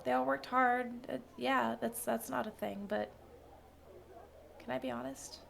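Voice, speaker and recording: Female player with gravelly fry, steady background noise. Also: a little high, unhurried. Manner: quippy, soft-spoken in character. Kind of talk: role-playing a character.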